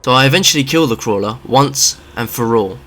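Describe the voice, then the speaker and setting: A man narrates a scripted game review at a medium pitch. There is faint noise behind his voice. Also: expressive, fairly quick, fairly bright tone.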